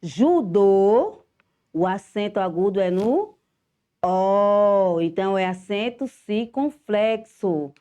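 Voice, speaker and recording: A woman's voice: fairly low pitch, darkish tone. A middle-aged woman teacher with a Brazilian Portuguese accent, giving a home-school lesson to children, affectionate and emphatic, stressing each syllable.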